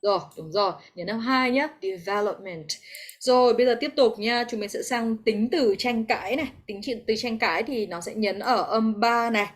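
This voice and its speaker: Teaching an online class over video call, a woman English teacher with a Vietnamese accent explains things step by step and cheers her students on, slipping English terms into her explanations. Her voice is fairly high, and she talks a little fast with few pauses.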